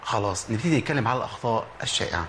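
A man with an Egyptian accent giving a spoken tajweed lesson, explaining and then slowly drilling sounds, asking questions and answering them himself. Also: medium pitch, expressive, fairly bright tone, slight background noise. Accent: Egyptian Arabic. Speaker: Quran recitation teacher.

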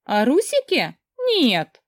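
A woman's voice: a little high, wildly swooping pitch, takes it slowly, no echo, clean studio sound, voice pushed up, exaggerated voice. A woman reading an audiobook voices a drunk, tearful young woman who talks in a flippant, dismissive way with a slur and a giggle.

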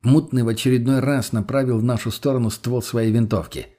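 A man reading a first-person audiobook in a steady, matter-of-fact way, with a husky voice. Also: mid-range voice, a little fast. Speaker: audiobook narrator.

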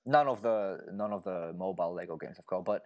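A young man co-hosting a casual podcast about games. He talks in a loose, excitable way, laughs often and says "like" a lot. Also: deep voice, brisk. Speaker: podcast co-host. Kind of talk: casual gaming chat.

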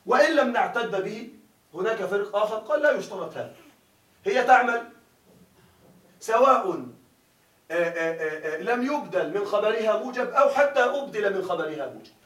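A man's voice: high-pitched, lively intonation, fairly quick, pauses often, fairly bright tone. A man teaching grammar in a classroom lecture, often stopping to ask his students whether they follow. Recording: echoey room, voice from far off.

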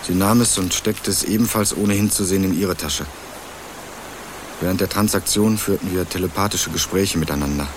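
A young adult male actor, narrator and lead of a matter-of-fact radio crime drama, plays a laconic, guarded student from Berlin. His natural voice sits low and moves at a normal speed against a noisy background, delivering first-person narration and dialogue.

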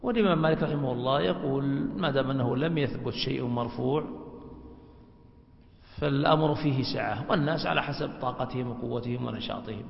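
A man's voice: mid-range voice, fast talker, creaky. Man, scholar teaching, explanatory, rhetorical questions, dull lo-fi recording, roomy echo. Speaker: religious scholar teaching a class. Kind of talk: classroom lecture. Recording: echoey hall, dull lo-fi sound.

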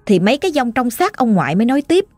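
A woman with a Southern Vietnamese accent retelling a family ghost story, lively and full of folksy exclamations. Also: fairly high pitch, rapid-fire, no room sound, soft background music.

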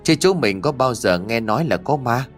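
A man voicing a calm, gruff middle-aged neighbor in a ghost story, speaking bluntly and brusquely. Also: medium pitch, moderate pace, soft background music, natural voice.

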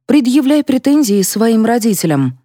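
A woman reading a composed elderly lady who speaks in a measured, reproachful way, in an audiobook. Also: on the high side, big pitch swings, mellow, no room sound, studio quality, voice pushed up. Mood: cool. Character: composed elderly lady, dignified, cool-headed.

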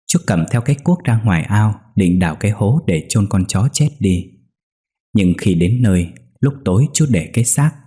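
Low, husky male ghost-story narrator. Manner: steady, suspenseful storytelling. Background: faint music.

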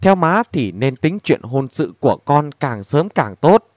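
A man's voice: fairly high pitch, sing-song, a little slow, darkish tone, dry recording, clean studio sound. A man voicing an anxious middle-aged mother in a storybook reading, speaking urgently. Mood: worried.

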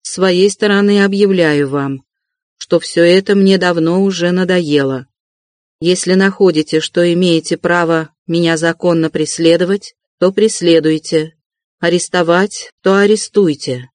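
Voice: medium pitch, fairly even intonation, measured pace, dry recording, natural voice. A reader doing a feverish, defiant young man. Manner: tense, insistent. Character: agitated young male student, feverish and defiant. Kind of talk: audiobook character reading.

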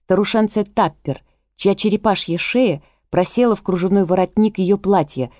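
A woman reading a literary novel aloud as audiobook narrator, in a measured, even way, close to a studio mic. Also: mid-range voice, no room sound.

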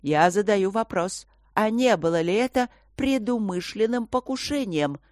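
A woman's voice: mid-range voice, animated, unhurried, darkish tone, dry recording, clean studio sound, voice pushed up, natural voice. A woman voicing a cold, imperious queen in an audiobook, speaking in a commanding, clipped way. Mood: stern.

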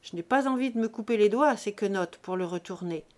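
A woman's voice: medium pitch, a little fast, a little mellow, close to an everyday voice. A woman reading an audiobook voices a jovial, blunt country veterinarian who scolds the farmers in a hearty, brusque way. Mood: jovial scolding.

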